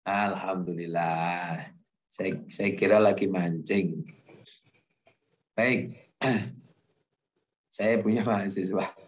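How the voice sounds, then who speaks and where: A middle-aged male university lecturer giving a relaxed online lecture, telling anecdotes and acting out conversations. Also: sits low, very slow, pauses often, lo-fi sound. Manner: relaxed, tells anecdotes, acts out dialogue.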